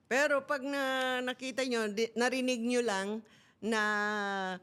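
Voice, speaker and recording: A woman's voice: a little high, steady tone, slow pace, a bit bright, clean tone. A middle-aged woman candidly telling a personal story on a talk show, switching between Tagalog and English. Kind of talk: casual talk-show chat.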